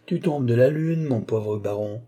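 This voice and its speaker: A man's voice: mid-range voice, measured pace, warm tone, lightly acted. A man voicing an aged, mannered court duke who mocks and lectures in an affected, theatrical way. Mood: sly mocking.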